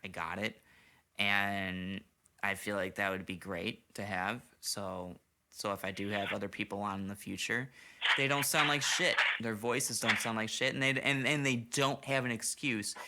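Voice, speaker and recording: A slightly tipsy man hosts a casual late-night podcast into a studio microphone monitored on headphones. His lowish voice is sharp and steady at a moderate pace, with a little hiss or hum in the background. He rambles and swears, restarting many times.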